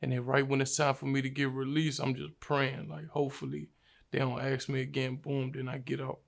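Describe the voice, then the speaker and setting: A man's voice: medium pitch, little pitch movement, a little fast, vocal fry. A young man from Virginia, a rapper, telling his life story in a casual, slangy interview. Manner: laid-back, slangy storytelling.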